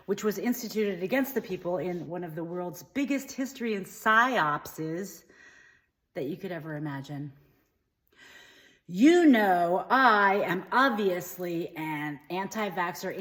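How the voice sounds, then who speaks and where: Woman in a deadpan comic monologue, rambling, shrugging things off, mid-range voice. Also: medium pitch. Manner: rambling, trails off with dismissive asides. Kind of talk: deadpan comedic character monologue.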